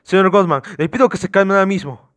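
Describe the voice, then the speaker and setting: A man's voice: medium pitch, animated, normal speed, dry recording, natural voice. A man voicing a stern small-town police officer who questions a suspect in a firm, formal, commanding way.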